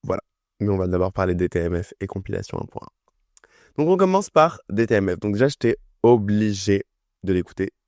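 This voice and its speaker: Chatty young man with a low voice. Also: lively intonation, fairly quick, a little mellow, no echo, clean studio sound. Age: young adult. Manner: enthusiastic, chatty, full of fillers. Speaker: music review vlogger. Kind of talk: casual chat.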